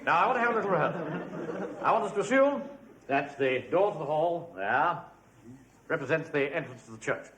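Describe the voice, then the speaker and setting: Pompous, high-pitched English captain. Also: male voice, animated, brisk, long pauses, a bit bright. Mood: officious. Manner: bossy, clipped commands. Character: pompous, impatient middle-aged bank manager and platoon captain in a sitcom. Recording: echoey, noisy vintage TV studio recording.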